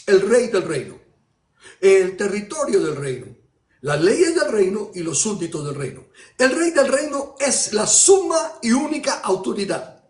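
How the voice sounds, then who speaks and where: High-voiced man preaching emphatically. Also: big pitch swings, measured pace, darkish tone, roomy sound. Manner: emphatic, with rhetorical questions and repetitions. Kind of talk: sermon.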